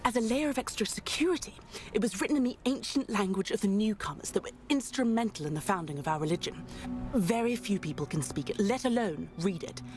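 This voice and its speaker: An actress playing a weary, determined woman scholar in video game dialogue, speaking in a measured, earnest way over game music. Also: medium pitch, expressive, darkish tone, lightly acted.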